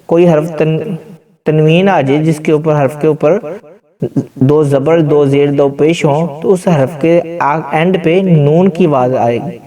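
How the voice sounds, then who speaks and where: A man teaching Quran reading, spelling out syllables slowly and chanting the joined words. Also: fairly high pitch, dark tone. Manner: slow syllable-by-syllable drilling, breaks into chanted recitation. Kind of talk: spelling-out recitation lesson. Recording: distant from the mic.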